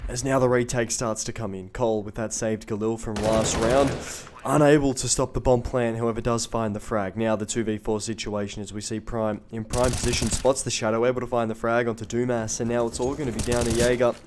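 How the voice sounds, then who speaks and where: A man calls an esports shooter match play by play, his voice sitting in an ordinary middle register. He mixes quick jokes and banter into the calls. Faint gunshots and clicks from the game run under his voice. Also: mid-range voice, fairly even intonation, noisy background. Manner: jokey, banters with a co-caster off mic. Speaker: esports caster.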